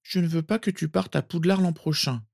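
A man's voice: fairly high pitch, fairly quick, vocal fry, darkish tone, dry recording, clean studio sound, voice pushed up. A man reading a storybook and voicing a mischievous, sleepy young boy in a childish whisper.

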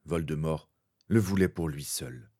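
Deep voiced guy reading fanfic aloud, steady and dramatic. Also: measured pace. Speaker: narrator. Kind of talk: fan fiction reading.

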